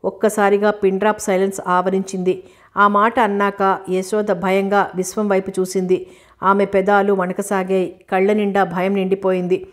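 A woman narrating a novel as an audiobook, steady and measured. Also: medium pitch. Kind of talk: novel reading.

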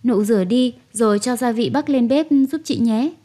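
A woman's voice: a little high, moderate pace, mellow, natural voice. A woman voicing a scheming young daughter-in-law who talks sugary-sweet but scolds harshly, in a read-aloud story. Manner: sugary when asking, harsh and scolding when angry.

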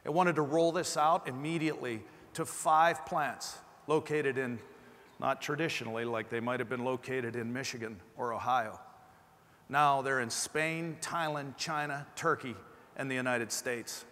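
A man's voice: mid-range voice, fairly even intonation, moderate pace, a bit bright. Middle aged guy doing a conference keynote, bit of a lisp, long echo from the hall. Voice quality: slight lisp. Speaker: company presenter. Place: large conference stage indoors. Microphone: clip-on lapel mic. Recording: amplified hall with long reverb.

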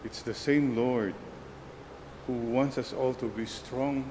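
A man serving as priest, leading the Mass in a measured, solemn prayer cadence at a pulpit microphone. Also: medium pitch, steady tone, a little mellow, a little hiss or hum. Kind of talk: leading liturgical prayer and exhortation.

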